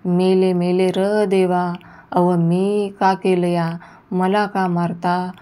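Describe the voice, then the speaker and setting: A woman's voice: medium pitch, flat delivery, takes it slowly, darkish tone. A woman voicing a short village wife with a harsh, grating voice. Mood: wailing.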